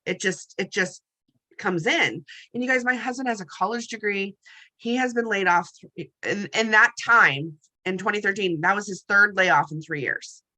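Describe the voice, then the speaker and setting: A woman's voice: medium pitch, moderate pace, sharp tone. A middle-aged woman telling her own success story as a network marketing distributor, chatty and emphatic, often calling her listeners "you guys". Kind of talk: motivational testimonial talk.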